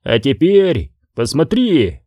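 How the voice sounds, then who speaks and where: A male audiobook reader voicing a furious middle-aged crime boss who shouts and bites off each word. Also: mid-range voice, wildly swooping pitch, takes it slowly, no room sound, dull audio, full character voice.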